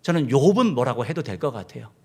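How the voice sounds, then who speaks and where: A man's voice: mid-range voice, very animated, quick pace, dark tone, breathy edge. A man, a senior pastor, preaching a sermon and speaking directly to his congregation, now and then leading them in reading aloud. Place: church sanctuary.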